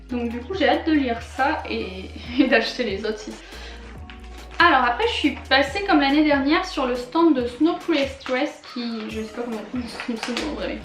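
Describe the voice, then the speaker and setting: A young woman talks in a high, lively voice, gushing over her purchases with lots of fillers and little laughs. She is recorded in an echoey room at home, with faint music under her voice. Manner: chatty, enthusiastic, frequent fillers and laughs. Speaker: vlogger. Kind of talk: casual haul vlog.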